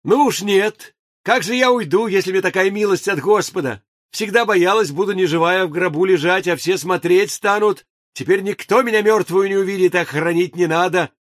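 A man voicing a reckless, defiant young woman in an audiobook, speaking high and loud. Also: normal speed, dry recording, clean studio sound.

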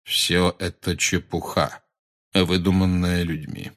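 A man reading an audiobook voices a dignified male centaur teacher who speaks calmly and unhurriedly. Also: low voice. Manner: calm, unhurried, measured.

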